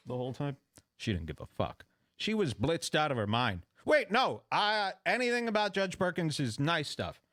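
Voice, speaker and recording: A man's voice: medium pitch, fairly bright tone. A man hosting a talk show, telling a comic story in a profane, sarcastic way and mocking the voices of people in it. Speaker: podcast host. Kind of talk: comedic storytelling.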